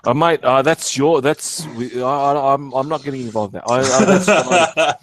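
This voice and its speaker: A man's voice: mid-range voice, moderate pace, a bit bright. Hesitant man from Portugal hosting a stream. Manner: hesitant, many fillers and restarts. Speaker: stream host. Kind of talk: casual online group chat.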